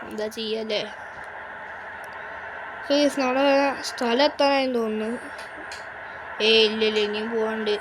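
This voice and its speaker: Woman gamer, slightly high, casual play-by-play over loud game engine noise. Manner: chatty, often cries out at near crashes. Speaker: gaming YouTuber. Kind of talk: casual gameplay commentary. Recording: clear game vehicle noise under voice. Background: bus engine and traffic game sounds.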